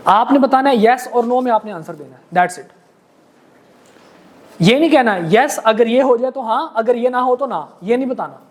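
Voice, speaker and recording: A man with a Pakistani accent giving a law lecture to students, explaining step by step and reading case text slowly. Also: very high-pitched, lively intonation. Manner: addresses students as beta and janab. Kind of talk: classroom lecture.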